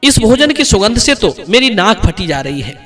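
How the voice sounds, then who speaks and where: A man voicing a clever poor beggar who flatters his host eagerly. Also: sits high, normal speed, in a large hall. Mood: flattering. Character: clever poor male beggar playing along.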